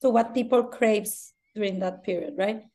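Speaking with a Mexican Spanish accent, this woman from Mexico, whose first language is Spanish, talks casually on a podcast. Her voice is medium in pitch with a dark tone, and she pauses often to find her words.

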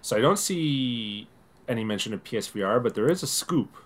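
A man co-hosting a casual podcast, talking in a relaxed, rambling way with frequent restarts. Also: mid-range voice, fairly quick. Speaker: podcast co-host.

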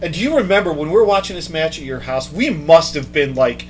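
A man hosting a casual chat, telling a story with mounting excitement. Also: a little high, quick pace, crowd noise, low-quality recording. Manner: excited storytelling, quoting others in raised voice. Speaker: podcast host.

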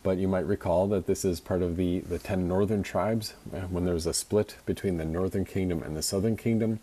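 A man teaches a church membership class, reading scripture aloud and breaking off for informal asides. His voice is low and mellow, with a husky edge. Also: fairly even intonation, a little fast.

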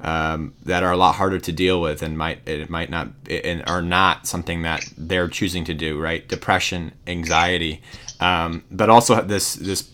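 A man's voice: deep voice, fairly even intonation, normal speed, bright, forceful tone. A man hosting an interview, asking long questions in a hesitant way with many fillers. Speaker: podcast host.

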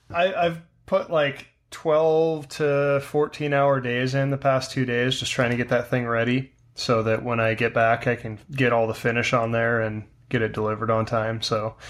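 A man's voice: mid-range voice, level tone, measured pace. A man co-hosting a podcast, sounding stressed and scattered, with many restarts. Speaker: podcast co-host. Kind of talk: casual podcast chat.

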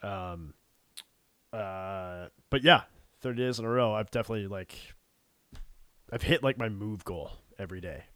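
Congested, stuffy-nosed man with a lowish voice. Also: moderate pace, long pauses, a bit bright. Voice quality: congested, stuffy nose from allergies. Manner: informal, swears freely. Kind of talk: casual chat.

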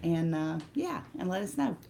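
A woman's voice: lowish voice, sing-song, normal speed, gravelly, mellow, a little hiss or hum. A woman co-hosting a church gathering, making announcements in a casual, conversational way. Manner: informal, conversational. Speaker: church co-host.

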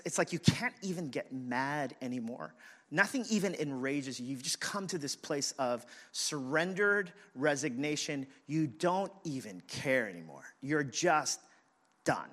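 Male pastor, sermon, chatty storytelling delivery, slightly raised voice. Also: a little high. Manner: conversational, animated storytelling preacher. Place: church in a city, siren heard outside.

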